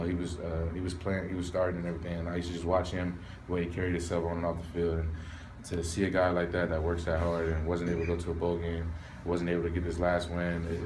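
A young man, a college football player, answering postgame questions in a low-key, candid way from a stadium hallway. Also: noisy background. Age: young adult. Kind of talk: postgame press interview. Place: hallway of a stadium in front of a sponsor backdrop. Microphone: reporters' recorders held close.

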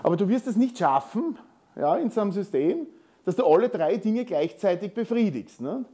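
A man's voice: high voice, very animated, moderate pace, mellow. A man with an Austrian accent giving a technical conference talk in a lecture hall, conversational and full of tag questions. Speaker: conference speaker.

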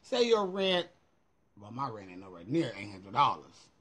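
Talking into a phone at arm's length in a room at home, a middle-aged American vlogger livestreams with sass and emphasis, cursing liberally. His medium-pitched voice is fairly bright, swings widely in pitch, and moves at normal speed.

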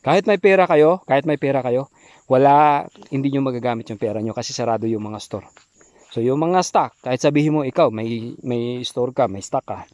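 A man's voice: medium pitch, fairly quick, darkish tone, no room sound. A man vlogging casually outdoors in the countryside, chatty, often tagging "no?" and "guys". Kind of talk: casual walking vlog.

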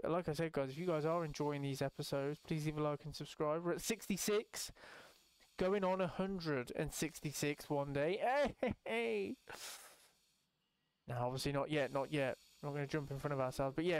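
A young man giving casual, excitable gameplay commentary, chatting and swearing freely to his viewers. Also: a little high, a little fast, clean tone, no echo. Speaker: gaming YouTuber.

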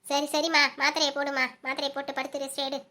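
Woman doing a high-pitched fast nagging mother-in-law, scolds then fusses, comedy skit. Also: level tone, sharp tone. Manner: scolding, then fussing over her daughter-in-law. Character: fussy, doting village mother-in-law.

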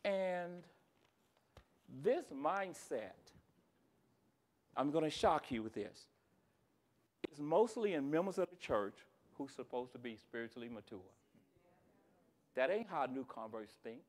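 A man teaching a church Bible class, animated and joking, dropping to quiet asides and rising to shouts. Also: a little high, unhurried, long pauses.

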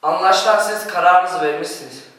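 A man playing a fatherly schoolteacher giving measured counsel in an amateur school play. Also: sits high, noisy background, natural voice. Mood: fatherly, grave. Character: fatherly male schoolteacher counselling his teenage pupils. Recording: echoey hall, distant mic.

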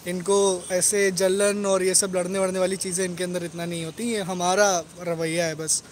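A man's voice: sits high, level tone, moderate pace, slight background noise. A man hosting a casual live stream about his dogs, rattling off greetings to commenters and often adding "right?" tag questions. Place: at home among his dogs.

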